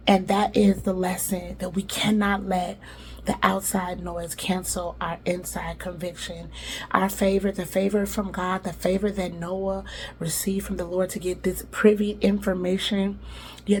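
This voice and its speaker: A woman hosting a devotional podcast, giving faith-based motivational teaching with lively, dramatic storytelling and casual slang. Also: mid-range voice, a little hiss or hum.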